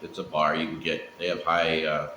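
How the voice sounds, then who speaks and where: A middle-aged man with a low voice talks in a loose, rambling way. He takes his time, pausing often and speaking plainly. The room is echoey, with faint noise behind him. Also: monotone, bright, forceful tone. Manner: laid-back, profane, unhurried with frequent pauses. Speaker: pipe-smoking vlogger. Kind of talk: casual rambling solo chat.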